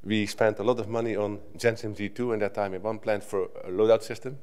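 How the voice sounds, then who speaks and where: A man's voice: fairly low pitch, fairly even intonation, fairly quick, darkish tone, clear, resonant tone. Middle-aged man, from the Netherlands, native Dutch, conference speaker, lectern microphone, conversational with restarts. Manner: conversational, with frequent restarts and filler "right?". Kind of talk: conference talk. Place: conference hall stage at a lectern.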